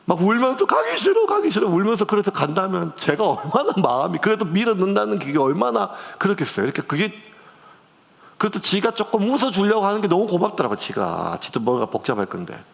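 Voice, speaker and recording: Middle-aged pastor, fairly high voice, chatty storytelling sermon with big emotional swings. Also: male voice, big pitch swings, quick pace, creaky. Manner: conversational preaching with emotional swings. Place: church sanctuary. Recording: long church reverb.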